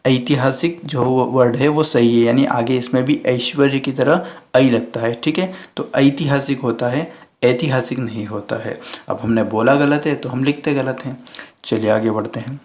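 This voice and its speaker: A man's voice: medium pitch, moderate pace, a little mellow. A man teaching Hindi spelling for exam students, who asks and answers his own questions and keeps checking in with a repeated "okay".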